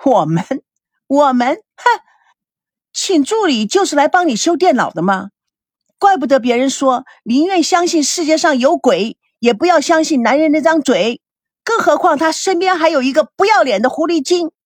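A woman playing a shrill, furious jealous wife. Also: animated, normal speed, no room sound, studio quality. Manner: shrill, scolding.

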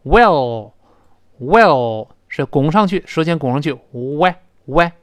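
A man teaching English pronunciation, explaining sounds and slowly drilling words aloud. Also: a little high, no room sound. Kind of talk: pronunciation lesson.

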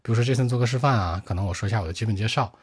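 A man with a husky, fairly low voice gives an exam-prep lesson. He talks quickly and briskly and turns often to address his viewers directly. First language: Mandarin Chinese. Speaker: IELTS speaking teacher.

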